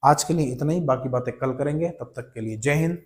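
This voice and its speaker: A man's voice: medium pitch, fairly quick, darkish tone. A young man teaching a Hindi grammar class online, repeating each key term and quizzing the viewer as brother and friend. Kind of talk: online exam-prep class.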